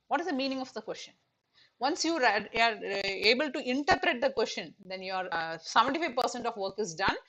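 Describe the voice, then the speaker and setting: A woman's voice: fairly high pitch, sharp tone. A middle-aged woman teaching an online exam-prep lecture, explaining with many fillers and repeated "okay".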